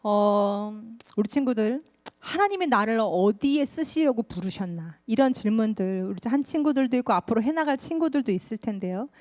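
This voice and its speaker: A woman pastor preaching to young people, telling a personal story in a lively, colloquial way. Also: fairly high pitch, normal speed. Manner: lively, confessional storytelling, colloquial, laughs often.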